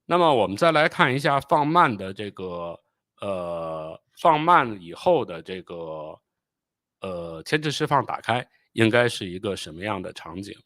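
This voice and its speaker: A man's voice: on the low side, big pitch swings, a bit bright, no room sound, clean studio sound. Man explaining rocketry on a live stream. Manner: explanatory, with frequent filler pauses; apologetic and hurried while fixing playback. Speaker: channel host.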